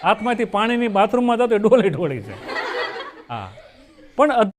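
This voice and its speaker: High-voiced folk comedian man. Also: moderate pace, very noisy. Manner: lively folksy storytelling, acting out characters' lines. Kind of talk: stage comedy storytelling.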